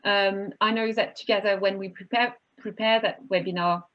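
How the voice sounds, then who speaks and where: Woman webinar host, chatty and restarting often, mid-pitched, dull lo-fi call audio. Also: fairly even intonation, normal speed. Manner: chatty, many fillers and restarts. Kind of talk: hosting a panel webinar.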